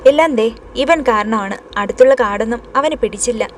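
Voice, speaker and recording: A woman's voice: on the high side, normal speed, slight background noise, close to an everyday voice. Woman as irritable young man, blaming tone, storybook. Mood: irritated. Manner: angry, blaming.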